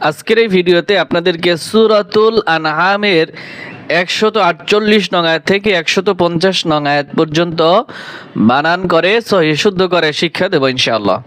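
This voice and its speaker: Sounding high, slightly bright, clear and resonant, a male Quran reading teacher carefully sounds out each syllable at a slow pace and recites verses in a long, drawn-out chant.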